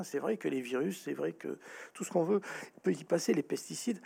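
A man speaking as a guest author in an interview, explaining at length with animated storytelling and frequent restarts. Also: sits high, gravelly, slightly rough.

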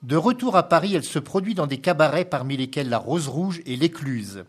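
A man's voice: a little high, a little fast, slightly rough. Man reading a radio biography. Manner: steady, read-aloud presenter delivery. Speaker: radio host. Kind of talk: scripted biographical narration on radio.

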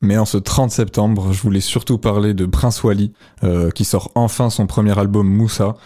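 A young man co-hosting a radio music show, talking through new rap releases in a relaxed, conversational way. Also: on the low side, moderate pace. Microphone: studio microphone.

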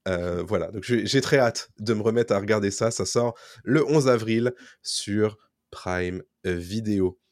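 A man's voice: on the low side, unhurried, no room sound, studio quality. A man co-hosting a casual podcast, reading out new releases and adding enthusiastic asides. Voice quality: enthusiastic, nostalgic. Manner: reads listings then riffs. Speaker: podcast co-host presenting release picks.

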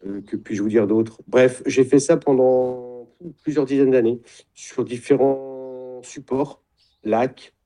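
A middle-aged man, a guest in an interview, talking in a reflective way and often pausing to search for words. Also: medium pitch, fairly even intonation, dark tone. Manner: describes himself as introverted. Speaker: guest, sailing retreat founder. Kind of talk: casual interview talk.

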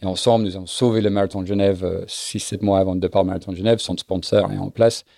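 A middle-aged man, a guest in a casual interview, talking haltingly and searching for his words. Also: sits low, fairly even intonation, gravelly, dark tone, no room sound, studio quality. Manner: halting, searches for words, repeats himself often. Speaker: guest, sailing event business founder.

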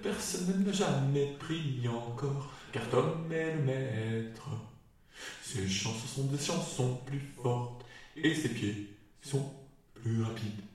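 Man, slow drawn-out singing, distant, heavy echo. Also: medium pitch. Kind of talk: slow sung verse. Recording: distant, very echoey sound.

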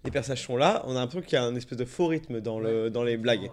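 A man's voice: medium pitch, fast. A man on a casual review panel, analytical, often searching for words. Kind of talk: casual chat.

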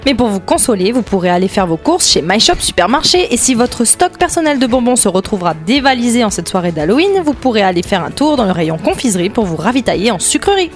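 A woman's voice: on the high side, big pitch swings, fast talker, hardly any pauses, soft background music. A woman co-hosting a radio show in the studio, reading a sponsor spot in an upbeat, scripted way. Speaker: radio co-host.

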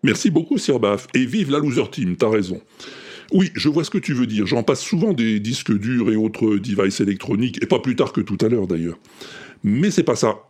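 A man's voice: mid-range voice, expressive, moderate pace, a little mellow. A man hosting a podcast, reading out listener answers in a teasing, theatrical way. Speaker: podcast host.

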